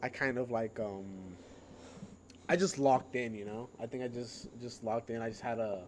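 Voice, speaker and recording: A nineteen-year-old man chats casually as a podcast co-host, rambling along with plenty of fillers. His voice sits at an ordinary pitch. A faint hiss of noise runs under it. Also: normal speed. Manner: laid-back, rambling with fillers and laughs. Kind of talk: casual chat.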